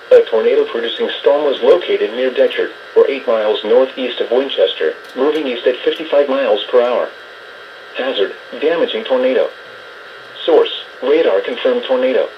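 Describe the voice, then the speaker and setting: Over a muffled and noisy weather radio broadcast, an automated announcer with a synthetic, medium-pitched man's voice reads out scripted emergency weather alerts in an even, flat manner.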